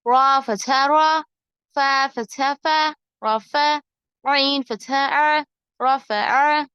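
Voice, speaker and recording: A woman teacher drills Arabic letters and syllables, one careful piece at a time. Her voice sits high and moves very slowly. The recording is dry and a little dull. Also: fairly even intonation, sharp tone, dry recording. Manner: slow, deliberate syllable-by-syllable drilling. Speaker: Quran reading teacher.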